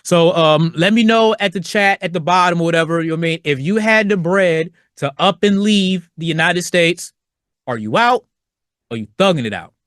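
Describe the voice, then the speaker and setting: A man's voice: high-pitched, animated, normal speed, fairly bright tone, no echo, studio quality. A middle-aged man from Virginia hosting a solo podcast, talking loosely and profanely in slang and acting out quoted voices along the way. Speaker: podcast host.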